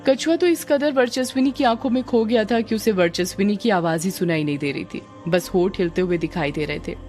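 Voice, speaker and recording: Woman narrating a story over soft music. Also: medium pitch, brisk.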